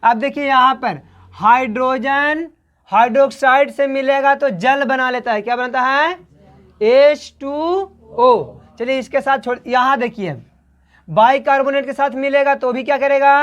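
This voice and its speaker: A woman's voice: sits high, fairly even intonation, moderate pace, fairly bright tone, muffled recording. A woman teaching a chemistry lesson in Hindi, asking questions and answering them herself and repeating the key words. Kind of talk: online class lesson.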